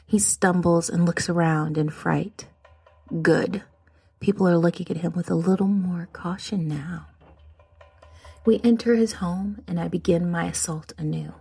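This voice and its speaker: Gravelly-voiced woman reading a horror story. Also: on the low side. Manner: measured, often dropping to a hushed whisper. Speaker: podcast host reading her own story.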